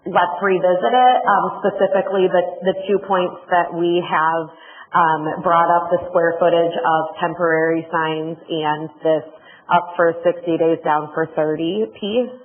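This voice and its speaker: A man's voice: a little high, fairly even intonation, unhurried, a little hiss or hum. A man on a township board, steering the discussion toward a motion with hedging fillers. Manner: steering, proposes next steps with hedging fillers. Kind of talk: public meeting discussion. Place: township meeting room. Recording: tinny lo-fi meeting audio.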